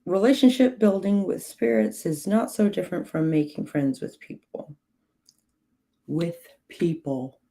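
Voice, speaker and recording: Reading from a witchcraft book on her livestream, a woman speaks slowly and evenly in a low, gravelly, slightly hoarse voice with a dark, mellow tone. Between passages she tosses short, dry remarks to chat in a clipped, measured way.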